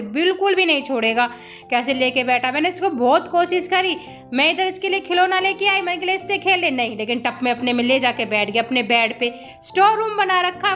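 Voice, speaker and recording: A woman's voice: sits high, fairly bright tone. A middle-aged woman chatting at home in a casual vlog, fondly scolding her dog as she talks. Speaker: vlogger and mother. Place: home indoors.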